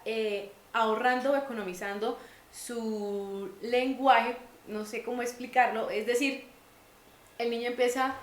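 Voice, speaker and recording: Woman, higher voice, patient lecturing tone, echoey room. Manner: patient, repeats points in simpler words. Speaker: teacher trainer. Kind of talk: explanatory lecture.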